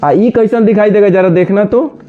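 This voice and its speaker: Scolding teacher. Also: male voice, sits high. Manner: scolding, brisk, addresses students directly. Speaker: reasoning teacher. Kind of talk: classroom lecture. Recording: dull lo-fi sound.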